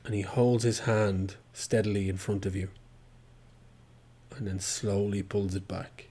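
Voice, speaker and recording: A man's voice: fairly low pitch, fairly even intonation, a little slow, warm tone, slightly rough. A man running a tabletop roleplaying game, narrating scenes vividly and dramatically as game master.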